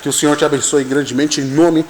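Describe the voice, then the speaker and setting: A man's voice: fairly high pitch, fast talker, slight background noise. A man preaching a sermon as pastor, often checking in with the congregation. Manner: animated preaching with frequent "amém?" and "tá?". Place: church hall. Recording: echoey church hall, long reverb.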